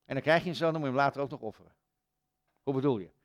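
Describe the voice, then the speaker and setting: A man's voice: medium pitch, racing. A man preaching a sermon in a church, retelling stories conversationally with rhetorical questions.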